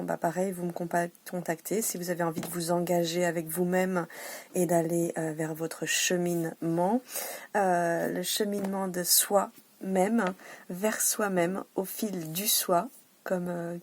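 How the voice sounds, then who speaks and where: A woman working as a wellness coach, speaking casually and encouragingly, with hesitant restarts, sometimes dropping to a soft hush to guide breathing exercises. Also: lowish voice. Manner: drops to a soft hush while guiding breathing. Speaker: wellness coach offering private sessions and massages. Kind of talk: casual self-help talk with guided breathing.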